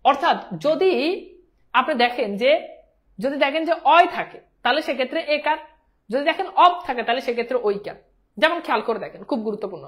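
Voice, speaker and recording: Fast high-voiced woman teaching grammar. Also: lively intonation, a bit bright. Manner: repeats checks like "okay, understood?" to students; mixes English words into Bengali speech. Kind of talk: online exam-prep grammar lesson.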